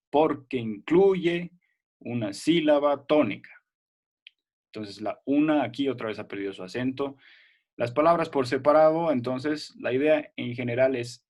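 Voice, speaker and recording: Patient male teacher checking understanding. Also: mid-range voice. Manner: patient, checks in often with short questions. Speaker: primary school language teacher. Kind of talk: online class explanation.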